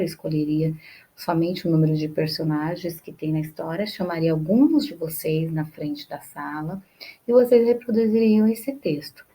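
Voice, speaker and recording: A woman's voice: low-pitched, mellow, low-quality recording. A woman teacher explaining class activities step by step, often checking in with "tá bom?" and "né?". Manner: explains step by step, repeating phrases. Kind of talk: remote class lesson.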